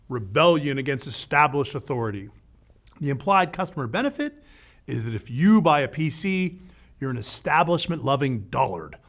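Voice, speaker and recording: A man hosting an educational show, narrating a script in a lively way with playful asides. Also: medium pitch. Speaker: podcast host.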